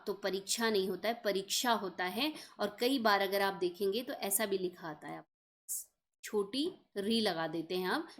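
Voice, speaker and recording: A woman's voice: medium pitch, fairly bright tone. A woman teaching an exam-prep lesson, explaining each point step by step and checking in often.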